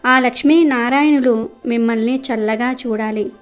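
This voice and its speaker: A gentle elderly pilgrim asks politely for food, voiced by a woman narrator. The voice is fairly high and soft-spoken, with light music behind the storybook reading. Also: moderate pace, clear, resonant tone, natural voice. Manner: polite, humble.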